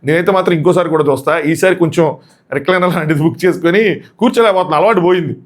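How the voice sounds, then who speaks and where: A man with a voice hoarse from shouting gives a casual, excited, rambling movie review and repeats his points. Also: on the high side, racing.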